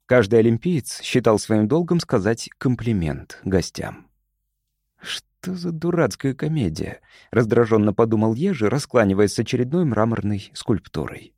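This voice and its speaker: Male narrator, scripted storytelling: mellow and animated, dry close sound. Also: lowish voice, no echo. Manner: expressive, measured storytelling. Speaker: audiobook narrator.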